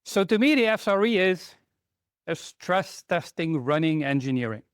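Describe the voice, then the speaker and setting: A middle-aged Belgian conference speaker and technical trainer talks to a live crowd in a chatty way, often posing questions to them. His voice is a little high, animated and clean in tone at a moderate pace, recorded in a clean studio with no room sound.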